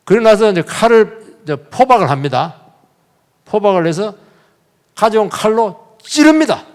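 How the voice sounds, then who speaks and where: Man, pastor, sermon, fairly high voice, lively swooping delivery, long church-hall reverb, questions the congregation. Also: normal speed. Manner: animated storytelling with sudden emphatic bursts. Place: church sanctuary.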